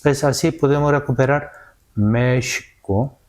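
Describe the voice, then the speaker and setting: Speaking on the low side with a darkish tone, a Korean-accented man from South Korea answers interview questions animatedly. A scholar, he uses halting, careful non-native Spanish and keeps adding "¿no?".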